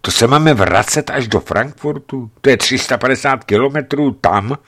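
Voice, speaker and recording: A man voicing an exasperated male traveler who protests loudly to border officials. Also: mid-range voice, pitched above the performer's own voice. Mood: indignant. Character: René, male traveler, indignant and insistent.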